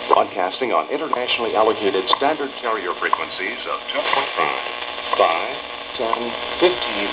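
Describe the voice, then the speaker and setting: A man reading a formal time signal announcement in a measured, even way, heard through a shortwave radio speaker. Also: fairly low pitch. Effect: played through a shortwave radio speaker. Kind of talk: formal recorded station announcement. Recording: dull lo-fi radio with loud static.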